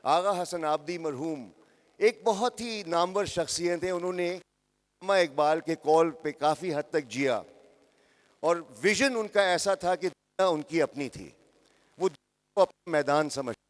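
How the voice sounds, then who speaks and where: A man in his sixties giving a motivational talk to young people, addressing the crowd directly and repeating phrases for emphasis. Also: fairly high pitch. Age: 60s. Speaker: motivational speaker. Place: large hall with live audience. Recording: echoey hall.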